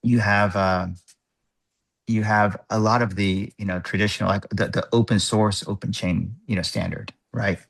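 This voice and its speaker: A man chairing an online work group meeting, thinking aloud in a halting, measured way over a video call microphone. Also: fairly low pitch, fairly even intonation, creaky.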